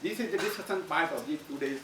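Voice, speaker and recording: Man, university lecture, restarts phrases, somewhat high voice, echoey hall, far from the mic, noisy background. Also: fast. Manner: rambling, repeats and restarts phrases. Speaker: guest lecturer. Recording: roomy, distant mic, audible background noise.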